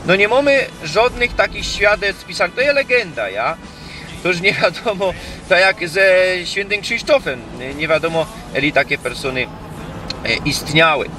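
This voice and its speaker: A man's voice: high voice, moderate pace, bright, forceful tone. A man with a Silesian accent presenting an informal explanatory vlog in dialect. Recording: distant mic, music behind.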